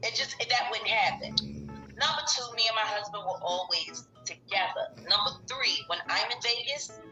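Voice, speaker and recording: A woman's voice: medium pitch, moderate pace, echoey room, over music, poor audio. A woman guest in a casual chat, blunt and emphatic, arguing her case point by point. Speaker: interviewed guest.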